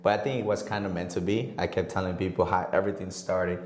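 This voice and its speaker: A man in his twenties from Honduras, guest on a casual podcast, telling stories in a relaxed way and laughing often. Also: sits low, fast, echoey room. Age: 20s. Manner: relaxed storytelling, acts out quoted dialogue, laughs often. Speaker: guest real estate agent.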